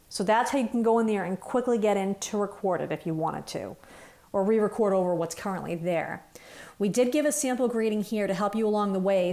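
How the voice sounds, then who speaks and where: A woman phone system trainer explains instructions step by step in an informal, conversational manner. Her voice is medium-pitched with a darkish tone.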